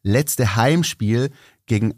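A man's voice: mid-range voice, takes it slowly, no room sound, studio quality. A man hosting a casual football podcast, thinking aloud and hesitant, with frequent fillers and restarts. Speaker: podcast host.

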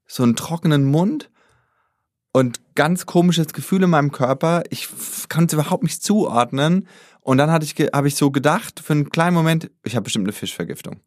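Male co-host, casual storyteller, animated, mid-pitched voice, dry close recording. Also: dry recording. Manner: animated, acts out quoted dialogue. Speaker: podcast co-host.

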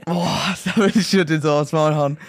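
A young man co-hosting a podcast in casual chat, slangy and excitable, acting out quotes. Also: on the high side, normal speed, no echo, clean studio sound. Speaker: podcast co-host.

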